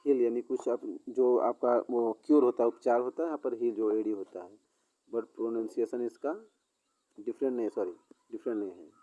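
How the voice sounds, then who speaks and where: A man explains an English lesson to schoolchildren at a very slow, patient pace and stops often to restate words. His voice is mellow and dark. The recording sounds dull and lo-fi. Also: mid-range voice. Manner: explains English words in Hindi, slow and repetitive, reads English sentences haltingly. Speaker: teacher.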